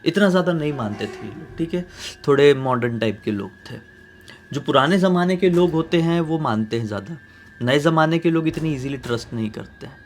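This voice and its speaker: A man's voice: on the high side, animated, brisk, soft background music. Dramatic male horror storyteller. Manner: dramatic, swings from loud to hushed. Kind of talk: casual horror story telling.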